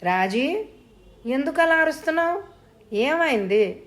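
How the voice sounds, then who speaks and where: Woman doing an agitated young man, frantic, pleading, angry, high-pitched, storybook drama. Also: unhurried, a bit bright. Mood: alarmed. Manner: frantic, pleading, then raging. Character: agitated young man, confused and then furious.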